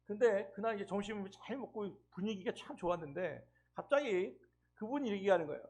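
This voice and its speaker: Animated husky-voiced male pastor preaching. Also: sits high, fairly quick. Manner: storytelling with acted quotes, animated. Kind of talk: sermon.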